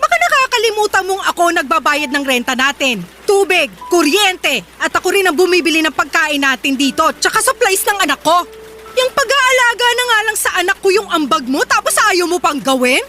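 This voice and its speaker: An actress playing a tired working mother in a radio drama, scolding and sarcastic as she shouts at her partner. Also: extremely high pitch, big pitch swings, brisk, very noisy. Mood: angry scolding. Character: sharp-tongued working mother, exhausted and scolding. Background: music bed.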